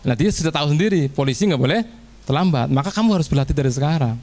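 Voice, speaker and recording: A fairly high-voiced man talks to fellow teachers in a relaxed training session. He is chatty and loose, and slips into quick acted-out exchanges between teacher and student. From Indonesia. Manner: chatty, acts out teacher-student dialogues with little laughs. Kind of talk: informal training presentation.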